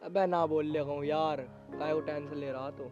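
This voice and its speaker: A man as a flat-voiced teasing village buddy. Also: on the high side, normal speed, muffled recording, over music, pitched below the performer's own voice, close to an everyday voice. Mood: easygoing. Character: young village buddy, easygoing.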